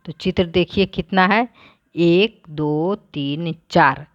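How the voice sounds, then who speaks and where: A woman teacher who reads each word aloud, then explains it plainly, in a slow, deliberate lesson. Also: fairly low pitch, no room sound, highs cut off.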